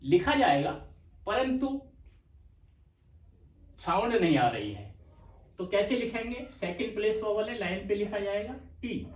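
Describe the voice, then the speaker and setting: A man teaching a shorthand lesson, explaining patiently and repeating slowly for dictation, with terms spoken. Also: sits high, lively intonation. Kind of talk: slow explanatory lecture. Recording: echoey room, mic far off.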